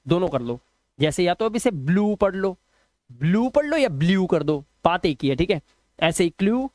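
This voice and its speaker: A man's voice: high voice, no echo. A male English teacher running a phonics lesson, drilling pronunciation rules and scolding his students.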